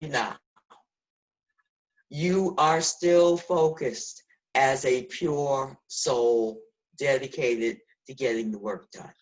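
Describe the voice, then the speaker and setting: A woman's voice: very deep voice, very slow, low-quality recording. A woman in her sixties talking earnestly and preachily in a casual video call discussion, as host. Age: 60s.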